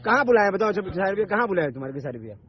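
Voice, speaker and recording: This man's voice sits high and swings widely in pitch as he speaks rapid-fire. He's an online video maker in an angry phone dispute, confrontational, repetitive, and swearing, captured in a dull lo-fi call recording.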